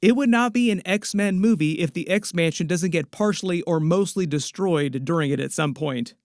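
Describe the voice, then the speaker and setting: A man's voice: high-pitched, normal speed, no room sound, studio quality. A man giving casual movie-news commentary in a rambling, speculative way with frequent asides.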